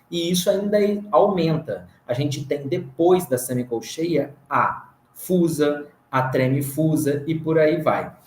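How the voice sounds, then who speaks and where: Brazilian male music teacher, slightly high voice, unhurried delivery, echoey room. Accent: Brazilian Portuguese. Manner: counts beats aloud and chants rhythm syllables; slow, patient explaining. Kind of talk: recorded music theory lesson. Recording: roomy recording.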